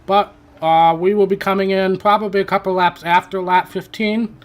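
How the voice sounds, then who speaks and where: A high-sitting male voice, level in tone and normal in speed. The speaker, a gaming channel host, rambles casually through a racing game playthrough, chatty and self-correcting, with a voice worn down by hours of talking.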